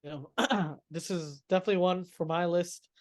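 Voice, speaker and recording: A man's voice: sits high, normal speed. A man co-hosting a podcast, feeling sick, talking about anime in hyped, slangy casual chat with many repeats. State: sick, coughing. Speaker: podcast co-host.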